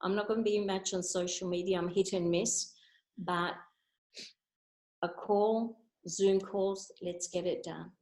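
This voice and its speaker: A woman's voice: medium pitch, steady tone, measured pace, darkish tone, echoey room, poor audio. An older woman chatting on a video call as a guest, rambling and repeating her words. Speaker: guest speaker. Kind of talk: casual video call chat.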